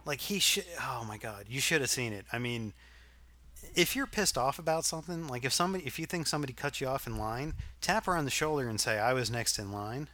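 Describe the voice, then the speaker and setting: Bright-voiced man telling a rambling story. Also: medium pitch, fast, no room sound. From Arkansas. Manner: rambling, profane, animated storytelling. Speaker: podcast co-host. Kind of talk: casual storytelling chat.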